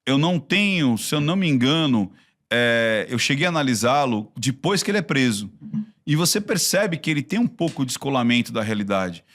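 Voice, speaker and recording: A Brazilian man with a Brazilian Portuguese accent and a mid-range voice, chatting casually on a podcast. He tells stories in an animated way, often breaking off and restarting his sentences as he goes. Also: mid-range voice, a little fast. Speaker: body-language expert.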